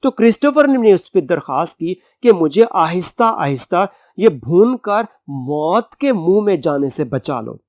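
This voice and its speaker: A male English teacher with a Pakistani Urdu accent, giving a college lecture. He reads the English lines slowly, word by word, then explains them in Urdu with synonyms and everyday examples. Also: high voice, very animated, darkish tone, no room sound.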